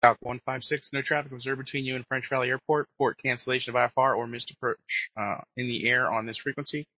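Fast, sharp male air traffic controller. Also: mid-range voice, steady tone, no echo. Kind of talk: procedural radio instructions. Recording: muffled dry aviation radio.

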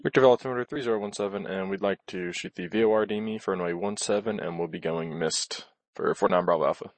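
A man speaking as a pilot over a headset, making brisk, procedural radio calls to air traffic control. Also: on the low side, no room sound.

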